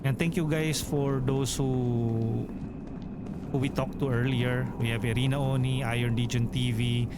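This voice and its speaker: Heavy background noise surrounds this man's medium-pitched, steady, unhurried voice. He's a Filipino streamer with a Filipino accent, chatting with viewers and thinking aloud over role-playing game menus in live let's play commentary.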